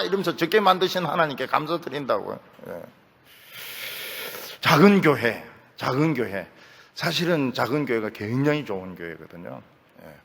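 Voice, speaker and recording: An older man with a Gyeongsang accent preaching a sermon as pastor, folksy and joking, repeating his key phrases. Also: mid-range voice. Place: church sanctuary. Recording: church hall reverb.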